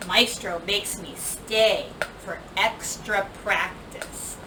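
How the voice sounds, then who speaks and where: Extremely slowly and in a mid-range voice, a woman acts out a children's picture book like a teacher would. The read-aloud is expressive and emphatic, bringing dialogue and sound words to life, captured by a distant microphone in a roomy setting with clear background noise.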